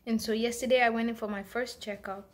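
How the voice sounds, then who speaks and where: Female vlogger, voice on the high side, casual diary delivery, careful sore-throated speech after tonsil surgery. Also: steady tone, fast. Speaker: vlogger and teacher.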